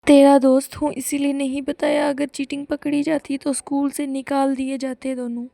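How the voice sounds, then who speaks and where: A woman voicing a calm, principled schoolboy who talks earnestly, with a dry, close sound. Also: high voice, vocal fry, no room sound.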